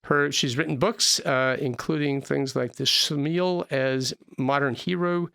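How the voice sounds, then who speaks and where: A man in his sixties hosts a podcast into a studio microphone, earnest and a little rambling, doubling back on his words. His voice is gravelly in a dry, close studio. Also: medium pitch, fairly even intonation, unhurried, sharp tone, no echo. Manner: earnest, repetitive, with many restarts. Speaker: podcast host. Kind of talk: podcast interview. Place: small studio. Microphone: studio mic with headphones.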